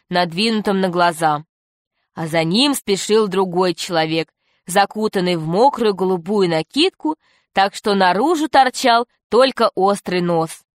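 A woman's voice: mid-range voice, no echo. Woman reading a children's story, dry sound. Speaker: narrator. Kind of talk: audiobook narration of a children's story.

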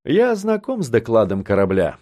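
A man's voice: medium pitch, wildly swooping pitch, normal speed, dark tone. A man reading an audiobook, voicing a male space scout commander who speaks earnestly and emphatically.

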